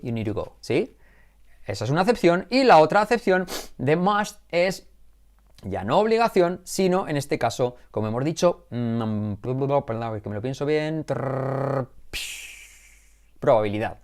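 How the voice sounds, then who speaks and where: A man teaching English in a live online class, chatty and joking as he explains. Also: mid-range voice. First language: Spanish. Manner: chatty, explains with jokes and asides.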